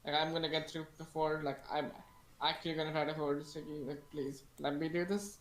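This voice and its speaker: A man playing a tabletop game, talking casually and in character in a halting, earnest way. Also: fairly high pitch, steady tone. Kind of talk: casual in-character play and chat. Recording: echoey room sound.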